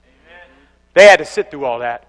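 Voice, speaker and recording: Young guy pastor, sermon w lots of storytelling, bright tone, long church echo. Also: fairly high pitch, moderate pace. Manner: animated storytelling, acting out voices. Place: large church hall. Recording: echoey church hall.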